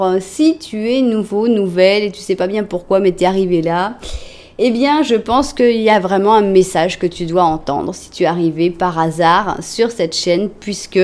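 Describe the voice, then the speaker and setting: A woman reading tarot cards for online viewers in a casual, chatty way, with many fillers and self-corrections. She speaks directly to the listener in a gentle, reassuring way. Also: on the low side. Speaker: tarot card reader.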